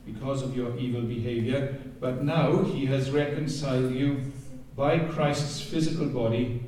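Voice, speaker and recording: Recorded from afar in a very echoey hall with slight background noise, a man from Wales delivers a passionate sermon in a Welsh accent and reads scripture aloud. His mid-range voice is warm, measured in pace and fairly even in intonation, though he often picks up speed as he goes.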